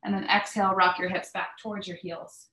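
A woman instructor guiding a stretching class with breathing cues in a calm, measured, step-by-step manner. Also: medium pitch. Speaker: yoga and mobility instructor. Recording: echoey, roomy sound.

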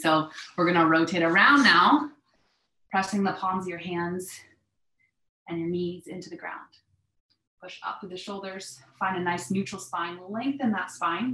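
A woman instructor guiding a stretching class with breathing cues in a calm, measured, step-by-step manner. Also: lowish voice. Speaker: yoga and mobility instructor. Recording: echoey, roomy sound.

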